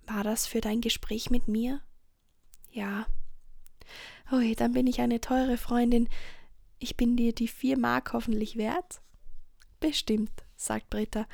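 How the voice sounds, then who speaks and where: A woman reading a children's story aloud in a soft, slow whisper, with small slips and restarts. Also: on the high side, vocal fry, no room sound, studio quality.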